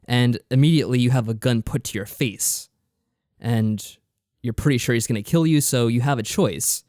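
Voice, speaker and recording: A man co-hosts a podcast reviewing visual novels, explaining things in a casual, matter-of-fact way. His medium-pitched voice has a darkish tone and a moderate pace. The studio-quality audio has no room sound.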